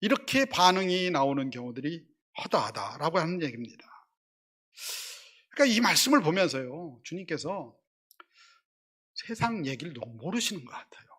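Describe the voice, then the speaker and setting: Husky guy pastor preaching in a church, chatty, asks the room questions, pitch sits a bit high. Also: big pitch swings, normal speed, a bit bright. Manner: acts out quarrelling voices in quotes. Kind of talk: sermon. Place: church sanctuary.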